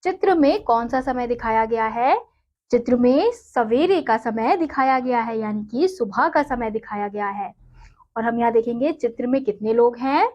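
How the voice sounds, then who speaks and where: A woman teaches a primary school lesson, explaining each step patiently and reading verse lines slowly. Her voice sits fairly high. The recording sounds muffled and lo-fi. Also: lively intonation, darkish tone.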